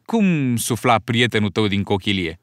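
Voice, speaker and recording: A man reading an audiobook, voicing a calm, plain-spoken boy leader who talks quietly. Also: fairly low pitch, no echo, studio quality.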